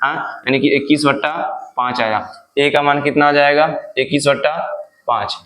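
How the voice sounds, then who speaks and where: A man's voice: a little high, fairly even intonation, normal speed, crowd noise. Man teaching maths, keeps asking and answering himself, echoey classroom sound. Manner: asks questions and answers them himself, repetitive drilling. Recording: echoey room.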